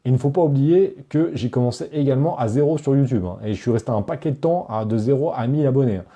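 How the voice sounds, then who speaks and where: A man's voice: mid-range voice, quick pace, dark tone. A man hosting a live stream, chatting casually with viewers and answering their questions, with lots of fillers and restarts. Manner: talks straight to viewers, reads out chat questions. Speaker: online course creator hosting a live Q&A.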